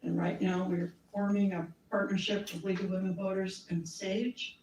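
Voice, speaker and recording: A woman with a scratchy, darkish, mid-range voice addresses a community meeting at normal speed with little pitch movement. She's recorded from a distance, off-mic in an echoey meeting room, and her informal talk is friendly and chatty, full of fillers and little laughs.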